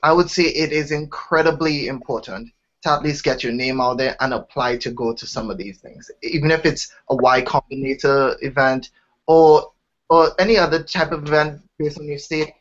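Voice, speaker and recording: In a casual interview, a young man from Trinidad and Tobago with a Trinidadian accent talks eagerly about founding his startup, his voice on the high side and fairly bright. He keeps restarting his sentences, and the audio is dull and lo-fi.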